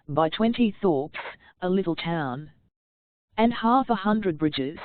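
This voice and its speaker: A woman reading verse and instruction aloud as an audiobook narrator, in a slow, measured recitation. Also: on the low side, dry recording. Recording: tinny phone-like sound, dry.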